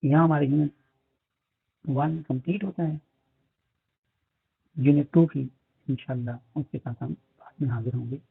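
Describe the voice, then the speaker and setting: Male teacher, husky gravelly voice, slow deliberate lecturing, thin phone-like recording. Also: on the high side, fairly even intonation. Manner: slow explaining, reads English definitions haltingly. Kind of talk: lecture in Urdu-Hindi mixed with English. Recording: phone-like narrow sound.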